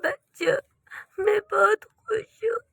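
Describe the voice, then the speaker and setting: A woman's voice: very high voice, slow pace, creaky, dry recording, full character voice. Tearful old cartoon mother, voiced by a woman. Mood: moved. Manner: weepy, pleading. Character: elderly widowed mother, frail and tearful. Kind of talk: cartoon voice acting.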